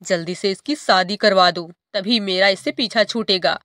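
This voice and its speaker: A woman's voice: mid-range voice, normal speed, fairly bright tone, no echo, clean studio sound, natural voice. A woman playing a cruel stepmother bird. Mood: scolding. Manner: harsh, taunting and bossy. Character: cruel, scolding adult female stepmother bird.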